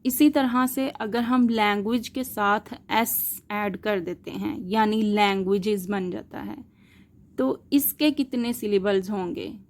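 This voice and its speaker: Slow, deliberate woman teaching linguistics. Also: medium pitch. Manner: slow, deliberate, spells out examples letter by letter; asks the listener questions and answers them. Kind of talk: explanatory lecture.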